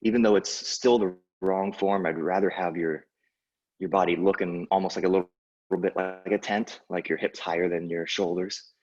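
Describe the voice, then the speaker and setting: Man, aerobics instructor style, husky lowish voice, casual workout cues and countdowns, dull lo-fi recording. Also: steady tone, normal speed, darkish tone. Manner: casual, exerting himself while demonstrating. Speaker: fitness instructor. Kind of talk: live workout coaching with countdowns.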